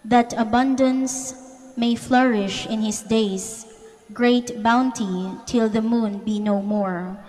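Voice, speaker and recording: Slow, echoing woman reading scripture. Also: on the high side, fairly even intonation, a little mellow. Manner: deliberate, formal phrasing. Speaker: lector at Mass. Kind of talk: solemn scripture and psalm reading. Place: large church interior. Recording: long reverberant church echo.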